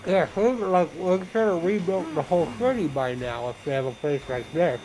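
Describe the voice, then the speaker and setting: A man's voice: fairly high pitch, normal speed, a little mellow, a little hiss or hum, rough recording. A man joining a game stream as guest, chatting in a dry, joking way. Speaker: guest co-host. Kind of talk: casual chat.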